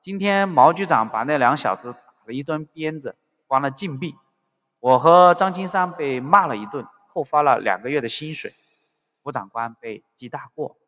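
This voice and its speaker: A man voicing an eager, fawning male subordinate agent who explains in a hurried, effusive way, on a dull recording with a long reverb. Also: fairly high pitch, fairly bright tone, close to an everyday voice. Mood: urgent.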